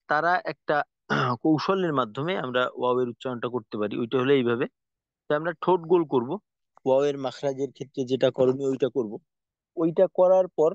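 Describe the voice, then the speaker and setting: A man teaching Quranic pronunciation, patiently demonstrating each sound by repeating it slowly. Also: mid-range voice, dry recording, dull audio. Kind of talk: spoken lesson on pronunciation.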